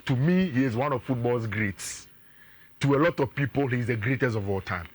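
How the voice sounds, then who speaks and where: A man with a Ghanaian accent, a sports pundit giving energetic, analytical talk on a radio show and mixing in local phrases. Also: mid-range voice, brisk.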